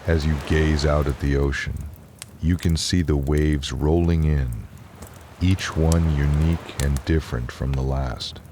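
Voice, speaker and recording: A man narrates bedtime stories and guided relaxation in a very deep, calm, soothing voice, taking his time. The recording carries a little hiss or hum.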